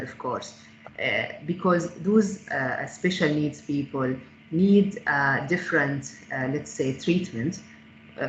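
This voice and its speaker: Woman taking panel questions on a call, halting with lots of uhs, bright tone, roomy muffled audio. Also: low voice. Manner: hesitant, many fillers and restarts. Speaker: startup founder answering audience questions. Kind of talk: online panel Q&A. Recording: echoey, dull call audio with faint noise.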